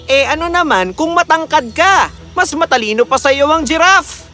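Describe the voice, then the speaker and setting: A woman voicing a proud, clever young prince who answers with haughty, sharp retorts in a storybook cartoon. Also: high-pitched, expressive, moderate pace, soft background music.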